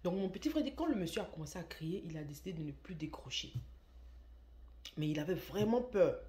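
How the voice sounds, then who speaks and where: A woman tells a personal story to her viewers, stressing points by repeating words. Her voice sits low and mellow. The recording carries a roomy echo. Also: brisk. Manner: emphatic, repeats words for stress, lively when quoting. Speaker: online shop owner telling a story. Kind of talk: casual storytelling vlog. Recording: echoey room.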